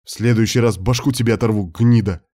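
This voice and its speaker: A man's voice: on the low side, fairly even intonation, fast talker, dark tone, lightly acted. A man reading an audiobook voices a hot-tempered young guard who snarls crude insults. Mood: snarling.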